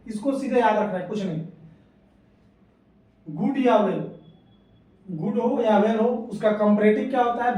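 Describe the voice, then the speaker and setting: A high-pitched man teaches English grammar, repeating each rule and asking questions of his students. His voice is heard from a distance in a strongly echoing room, far from the mic. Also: a little mellow. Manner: patient, repeats points and asks the class questions. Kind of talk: classroom lesson.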